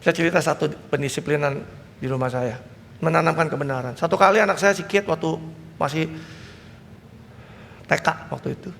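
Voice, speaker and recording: Pastor from Indonesia, man, high gravelly voice, animated sermon storytelling, church hall reverb. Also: a little fast, pauses often, slight background noise. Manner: animated storytelling, acting out family dialogue.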